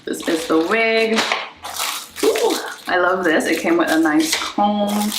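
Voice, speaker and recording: Woman gushing over a beauty product on her vlog, lower voice, big bare bathroom echo all around. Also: background noise. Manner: upbeat, gushing, talks straight to viewers. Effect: strong echo of a bare bathroom. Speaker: beauty vlogger. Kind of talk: casual chatty product review. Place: small bare bathroom indoors, just moved in. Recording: echoey bathroom recording.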